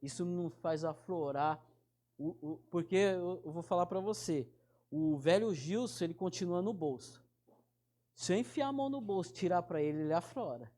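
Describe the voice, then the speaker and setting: A man's voice: high voice, lively intonation, mellow. A man preaching a casual, direct sermon, often restarting his sentences. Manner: informal, direct, addresses listeners as brother; halting restarts. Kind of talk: conversational sermon.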